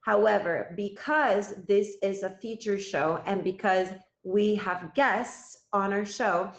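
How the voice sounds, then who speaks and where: A Cuban woman in her thirties, a native Spanish speaker, hosts a casual live stream, chatting directly with viewers and thanking gifters. She speaks slowly at medium pitch, and the sound is roomy and slightly dull.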